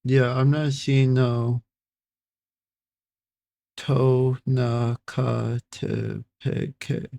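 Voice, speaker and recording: A man reading an article aloud and reacting to it, stumbling over hard words and repeating them in a halting way. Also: mid-range voice, flat delivery, vocal fry, no echo. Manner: slow, halting delivery. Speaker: streamer reacting to videos.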